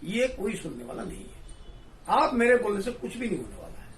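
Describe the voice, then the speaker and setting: A man talking in a casual political discussion, animated and laughing, mixing in English phrases. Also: high voice, fairly quick, a little hiss or hum. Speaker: discussion panelist. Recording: echoey room, distant mic.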